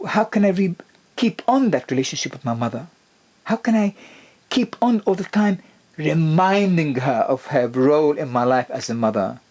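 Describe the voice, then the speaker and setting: A health lecturer with a husky voice explains his subject emphatically in a lecture video. His pitch rises lively on key points, and his speech is full of restarts and fillers.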